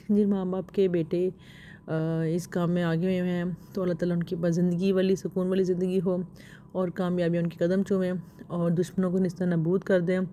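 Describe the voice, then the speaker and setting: A woman's voice: fairly low pitch, mellow, a little hiss or hum. A woman, chatting casually through a home daily-life vlog. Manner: chatty, homely, many fillers like "to ji". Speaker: home vlogger.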